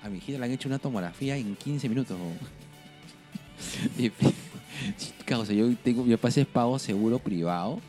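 A podcast co-host with a Peruvian Spanish accent chats casually, swearing often and laughing through his stories. He speaks at a moderate pace in a warm, mid-range voice, with faint music behind him.

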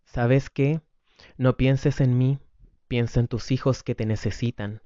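A man reading the lines of a weary wife and mother, gentle with the children and hurt with her husband, on a dull lo-fi recording. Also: mid-range voice, fairly even intonation, a little slow, no room sound, natural voice.

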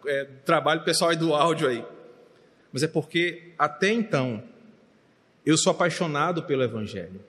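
A man's voice: a little high, moderate pace. A middle-aged man, preaching a passionate sermon from the pulpit in a church. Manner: impassioned, rises to near shouting at times. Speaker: pastor. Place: church sanctuary. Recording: long hall reverb.

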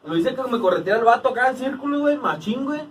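A man's voice: very high voice, expressive, fast talker, far from the mic. A man with a Mexican accent, a podcast host, joking in crude slang and telling stories. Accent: Mexican Spanish. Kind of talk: casual banter.

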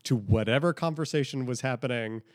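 A man in his thirties, chatting casually on a podcast, animated and rambling with many restarts. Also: medium pitch, brisk, no room sound, studio quality. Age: 30s. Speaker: podcast co-host. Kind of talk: casual chat.

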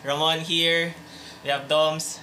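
A man's voice: a little high, level tone, takes it slowly. A young man with a Filipino accent, hosting a casual live-stream podcast and greeting viewers in an upbeat way. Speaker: podcast host.

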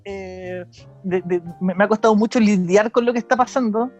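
A man's voice: high-pitched, normal speed, a little mellow, dull audio, soft background music. A young man with a Chilean accent hosting a casual podcast chat, rambling and correcting himself as he goes, swearing freely. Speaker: podcast host. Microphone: video call.

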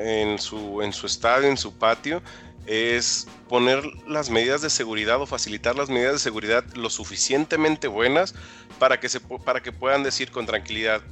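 A man's voice: medium pitch, moderate pace, sharp tone, faint music behind. A man co-hosting casual sports talk, opinionated and often repeating words as he searches for them. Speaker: co-host.

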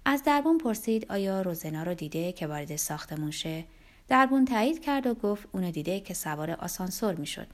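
A woman narrating a novel, her pitch moving in lively, animated swings. She reads expressively and sometimes drops to a hushed near-whisper. The pitch sits in a middle register. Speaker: audiobook narrator.

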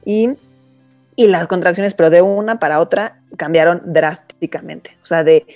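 Low mellow woman, hesitant. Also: normal speed, lo-fi sound, soft background music. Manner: hesitant, with many fillers. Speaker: podcast co-host. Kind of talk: casual chat.

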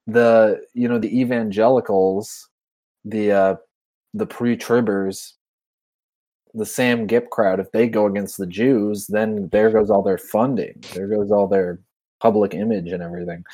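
A man's voice: lowish voice, fairly even intonation, measured pace, dark tone. A man co-hosting a podcast, rambling casually through his points. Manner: rambling, many fillers and restarts. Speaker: podcast co-host.

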